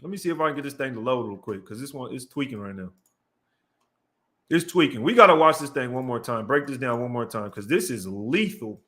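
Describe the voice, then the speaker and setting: A man's voice: medium pitch, brisk. A young man hosting a casual livestream, reading viewer comments and getting worked up while breaking down game film. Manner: animated, breaks down game film with excited outbursts; reads out chat messages and gives shout-outs. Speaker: show host.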